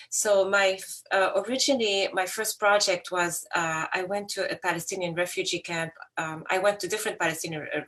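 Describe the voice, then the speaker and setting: A middle-aged woman from Lebanon speaks as an invited artist. Her voice sits a little low, and she talks in a relaxed, conversational way, often restarting her sentences. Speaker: artist guest. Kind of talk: casual spoken talk about her work.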